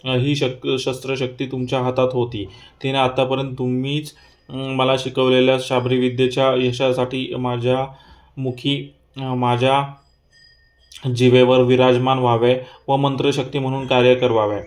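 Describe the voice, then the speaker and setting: A man's voice: medium pitch, monotone, moderate pace, natural voice. A man reading the lines of a bold young male ascetic in a devotional story, defiant in challenge and devout in prayer. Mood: pleading. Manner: defiant, then devout and pleading.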